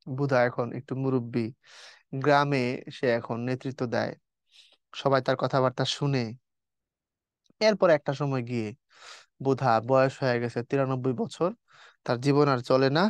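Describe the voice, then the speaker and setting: A male teacher, talking softly and slowly in an online class because he has a mild fever and a cold. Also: medium pitch, clear, resonant tone, no room sound. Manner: speaks softly and slowly, teasing students.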